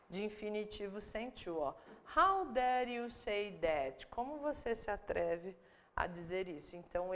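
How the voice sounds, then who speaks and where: A woman's voice: mid-range voice, creaky. A woman with a Brazilian Portuguese accent teaching an online English lesson, reading example sentences aloud and translating them step by step. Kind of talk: online exam-prep lesson.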